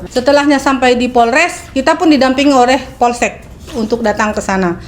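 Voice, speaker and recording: A woman's voice: sits high, moderate pace, crowd noise. A woman giving testimony, retelling events step by step in a plain way. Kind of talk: personal testimony.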